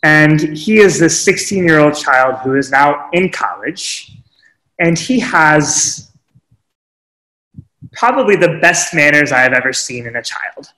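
A man telling a reflective story in a webinar talk, earnest and unhurried, with pauses and small restarts. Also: on the high side, expressive, bright, forceful tone, roomy sound, rough recording. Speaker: webinar speaker sharing teaching stories. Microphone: webinar microphone.

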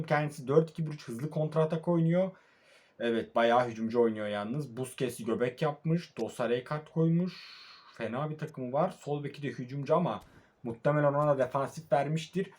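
A young man, sleepy late at night, commentating his own football video game match in a casual way, calm one moment and frustrated the next. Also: a little high, brisk. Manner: casual, swings between calm murmuring and frustrated outbursts. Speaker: mobile football gamer. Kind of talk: live match commentary while playing.

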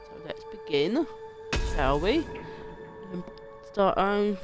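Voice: medium pitch, sing-song, slow. A groggy-sounding gamer with a sore throat, playfully giving casual let's play commentary and reading dialogue aloud, sex unclear. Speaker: gaming video host. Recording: music behind the voice. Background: game music.

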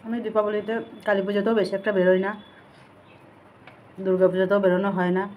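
A quick-talking vlogger chats straight to viewers between bites at home, mouth full of rice. The words come rushed and muffled by the food, over a faint hiss of background noise. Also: medium pitch, flat delivery. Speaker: eating vlogger. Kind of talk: casual chat to viewers while eating. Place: at home, at a meal table.

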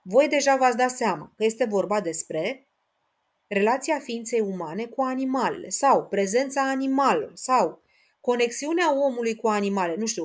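A woman teaching an exam-prep language lesson, speaking straight to her students in a patient, explanatory way. She reads verse aloud very slowly and stresses each syllable, then checks that everyone is following. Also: medium pitch. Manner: slow, spelled-out reading of verse lines, syllable by syllable; patient, addresses listeners directly with checks like "da?".

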